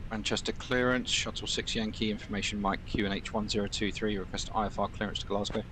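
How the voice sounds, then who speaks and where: A man's voice: fairly low pitch, steady tone, quick pace. A man livestreaming as a flight sim pilot, switching between casual chat and radio calls. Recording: clear vehicle-like background noise.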